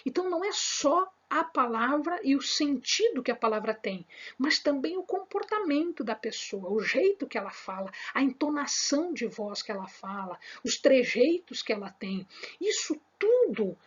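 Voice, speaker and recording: A woman's voice: high voice, big pitch swings, normal speed, dull audio. A woman giving a spoken Bible lesson to her viewers, emphatic and repetitive, with many fillers and restarts. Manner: speaks with her hands. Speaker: Bible study teacher.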